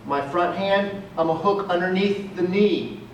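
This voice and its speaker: A man's voice: high voice, moderate pace, slight background noise. A male martial arts instructor explaining self-defense techniques step by step while he demonstrates them, recorded outdoors. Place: outdoors on a cement area. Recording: echoey, distant camera audio.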